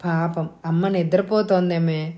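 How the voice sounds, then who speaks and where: A woman reading an audio novel, voicing a quick-tempered, scornful elder sister who shouts at her younger sibling. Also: fairly low pitch, fairly even intonation, natural voice. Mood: mocking.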